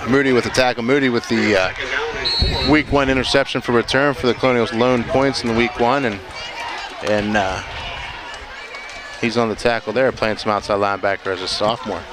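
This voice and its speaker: A man calls live play-by-play of a high school football game at an outdoor stadium in a relaxed, easygoing way, joking and padding pauses with lots of "uh"s and restarts. Loud crowd and stadium noise fill the recording.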